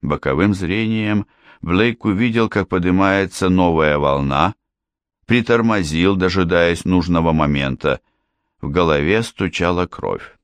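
A man narrating a thriller audiobook with steady, measured storytelling. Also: sits low, smooth, dry recording.

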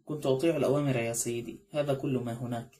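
In an audiobook, a man reads a nervous middle-aged butler who pleads and insists he knew nothing. The voice stays close to a plain reading voice, dark and mellow. He speaks quickly. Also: mid-range voice, steady tone, natural voice. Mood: pleading. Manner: pleading, swearing his innocence.

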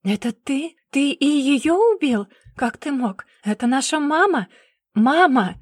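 A woman's voice: fairly high pitch, a little slow, darkish tone, dry recording, studio quality. A woman voicing a distraught, abused young woman who breaks into frantic, shrieking accusations, in a Russian audiobook. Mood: frantic, screaming.

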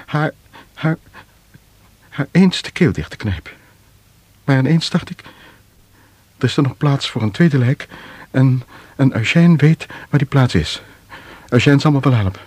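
A man's voice: mid-range voice, lively intonation, a little slow, pauses often, a little mellow, slightly rough. An actor playing a nervous older man under suspicion, who speaks hesitantly and stammers while defending himself. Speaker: suspect husband. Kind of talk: radio drama acting.

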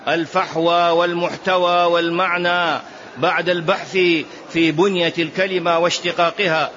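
A man's voice: high voice, little pitch movement, normal speed, a bit bright, a little hiss or hum. A man teaching a religious lesson, explaining a text and repeating key phrases for emphasis, sometimes drawing them out in a chant. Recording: dull lo-fi lesson recording.

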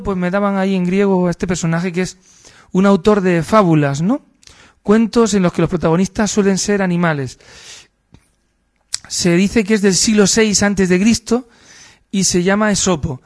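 A man hosting a radio show, telling a story aloud in a thoughtful, hesitant way with fillers. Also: high-pitched.

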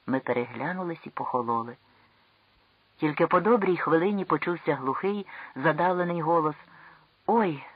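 Dramatic literary narrator, breathy and husky, dry slightly dull recording. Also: mid-range voice, no echo. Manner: tense, dramatic storytelling. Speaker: audiobook reader. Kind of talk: literary narration of a classic story.

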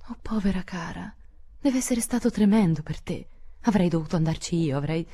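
A woman reading an audiobook, voicing a spirited, impulsive teenage girl who speaks briskly and with emphasis. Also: fairly low pitch, warm tone, slightly rough. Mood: upset. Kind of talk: audiobook character voice.

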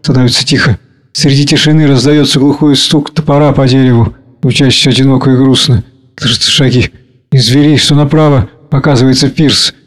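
A man reading the stage directions of a play aloud in a measured way. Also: mid-range voice, steady tone. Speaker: reader.

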